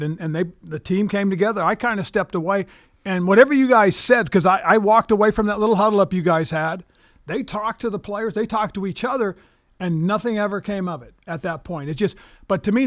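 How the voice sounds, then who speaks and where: A man's voice: high voice, a little fast, no room sound, clean studio sound. A man in his sixties, a former head coach hosting, telling stories earnestly with frequent restarts. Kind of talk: reminiscing conversation.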